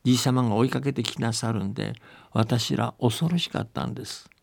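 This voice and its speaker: A man's voice: mid-range voice, steady tone, a little fast, gravelly, no room sound. A man doing a pleading fox girl. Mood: earnest. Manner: polite, pleading. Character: fox disguised as a pleading young bride.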